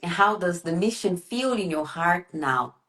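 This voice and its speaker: Low-voiced woman trance channeling like a medium. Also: expressive, a bit bright. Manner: formal, measured counsel addressing listener as dear one. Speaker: trance channeler leading a session. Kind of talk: spiritual trance channeling, seance medium guidance.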